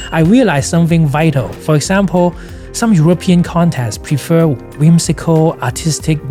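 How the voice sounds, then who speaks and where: A man's voice: fairly high pitch, a little mellow. A man with a Cantonese accent giving scripted instructional narration as a photography educator.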